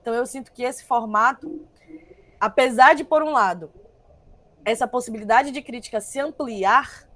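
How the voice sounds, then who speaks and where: A young woman speaks as a panel guest, reflective and deliberate. Her voice sits somewhat high, and she often restarts her sentences while thinking aloud. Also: a bit bright, dry recording. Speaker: guest, text reviser. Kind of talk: panel discussion talk.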